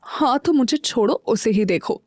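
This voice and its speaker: Woman voicing a jealous young wife, Punjabi accent, huffy, high-pitched, sharp-tongued. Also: animated, measured pace, no room sound, studio quality. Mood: indignant.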